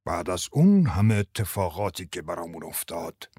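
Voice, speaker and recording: A man doing a husky, weary old survivor. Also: low-pitched, big pitch swings, mellow, no room sound, studio quality, pitched below the performer's own voice. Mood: bitter. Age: older. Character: elderly grieving male survivor, bitter and weary. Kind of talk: audiobook character voice.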